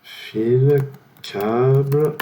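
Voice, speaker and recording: A French man thinking aloud, slowly trying one word after another while playing a word-guessing game at his computer. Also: mid-range voice, dark tone. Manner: slow, musing, trails off while guessing.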